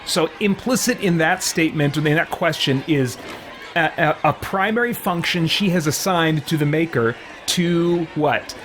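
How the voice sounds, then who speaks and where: Here the man's voice sits on the high side, a little bright and slightly slow, as he hosts a game playthrough with casual musings that drift into philosophy. Crowd noise and video game ambience make the audio noisy.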